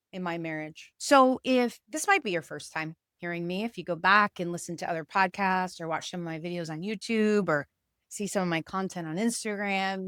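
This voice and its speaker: A woman's voice: medium pitch, no room sound, clean studio sound. A woman in her forties, a podcast host, talking candidly about relationships and acting out little quoted inner voices. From Puerto Rico. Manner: animated and candid, acts out quoted inner voices, some laughs. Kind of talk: reflective solo talk to camera.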